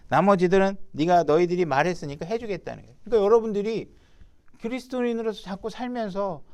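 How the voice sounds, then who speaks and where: A man's voice: high voice, darkish tone. A man preaching a sermon as pastor, talking conversationally and putting rhetorical questions to his congregation. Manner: reads scripture aloud, then acts out its speakers.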